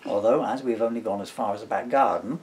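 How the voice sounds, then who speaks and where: This lowish, darkish voice belongs to a fast-talking middle-aged British man, a father, author and stage performer. He reads his comic writing aloud and chats casually in between, drifting into playful digressions, all captured on a camera mic.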